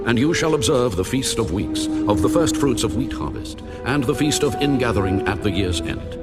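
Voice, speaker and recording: A male actor voices God in a dramatized audio Bible, declaiming as a solemn, commanding lawgiver with authority. His voice is on the low side yet close to everyday speech.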